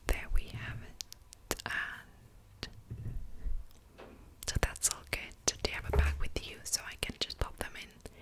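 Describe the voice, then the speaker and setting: A woman performs a whispered role-play as a helpful librarian. Her voice stays in a soft, breathy library whisper with almost no voicing. She explains things patiently and attentively, in an unhurried way. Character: patient, helpful female librarian serving a borrower. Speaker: ASMR performer playing a librarian.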